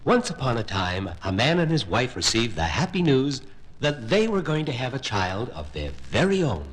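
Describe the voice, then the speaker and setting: A man narrating a fairy tale on a vintage children's record in an expressive storytelling voice. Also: mid-range voice, normal speed, rough recording.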